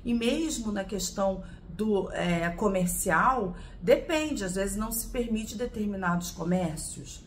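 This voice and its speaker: A woman's voice: mid-range voice, animated, measured pace, few pauses, slight background noise. A woman from Brazil teaching a lesson, explaining step by step and answering her own questions. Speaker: law teacher.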